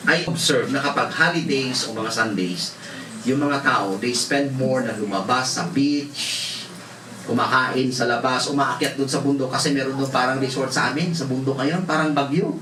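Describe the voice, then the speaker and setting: A man's voice: medium pitch, normal speed, bright, forceful tone. A male pastor from the Philippines preaching a sermon, telling stories with laughter and mixing in English. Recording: roomy hall, voice from far off, faint noise.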